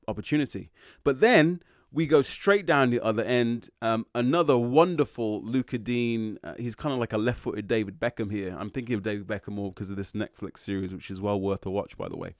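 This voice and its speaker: A man in his thirties gives a casual, opinionated football breakdown, wry and full of ums. His voice sits a little low and sounds smooth and resonant. It is recorded close and dry, with no room sound. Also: no echo. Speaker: football podcast host. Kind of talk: casual match analysis monologue.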